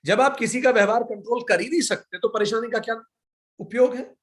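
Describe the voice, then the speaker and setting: Here the yoga philosophy teacher's voice is very high and brisk as he delivers his spiritual lecture. Rhetorical questions come in rapid succession, each answered by him, with English mixed into the Hindi.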